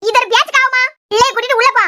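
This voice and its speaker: A voice actor playing a scolding older mother in a cartoon serial, with a Kanyakumari Tamil accent, loud and stern. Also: very high voice, fairly even intonation, racing, full character voice.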